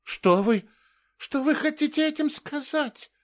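A high, shrill matron on edge, her voice squeaking up well above an ordinary speaking voice, as a male audiobook narrator puts her on. She is defensive and plaintive by turns, with a nervous quiver in the voice. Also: expressive, a little slow. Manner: shrieking, then plaintive and trembling. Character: shrill, defensive middle-aged woman, orphanage keeper. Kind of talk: audiobook character voice.

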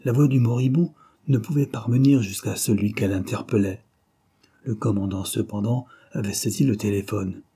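A man reading a novel aloud as an audiobook narrator, in a steady, measured way. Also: on the low side, husky.

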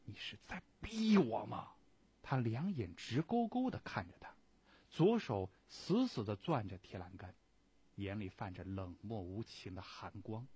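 Husky-voiced man reading a story aloud. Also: medium pitch, no room sound. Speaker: radio host. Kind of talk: reading a novel passage aloud on radio.

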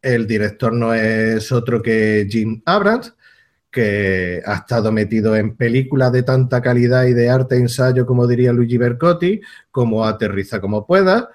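A man's voice: mid-range voice, moderate pace. A man hosting a film podcast in a casual presenting style. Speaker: podcast host.

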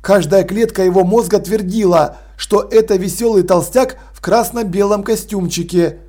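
A man narrating an audiobook in an expressive, lively storytelling manner. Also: sits high, moderate pace. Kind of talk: audiobook reading.

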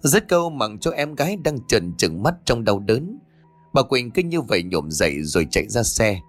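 Expressive man narrating a ghost story. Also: medium pitch, normal speed. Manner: expressive, dramatic. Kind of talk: audiobook horror story narration. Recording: dry close voice with faint music.

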